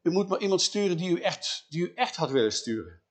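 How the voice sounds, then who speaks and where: A man's voice: high voice, big pitch swings, brisk, husky, pitched above the performer's own voice, exaggerated voice. Man playing a nervous, stuttering reluctant leader. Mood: pleading. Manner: anxious, excuses himself repeatedly. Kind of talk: storyteller acting out a Bible figure.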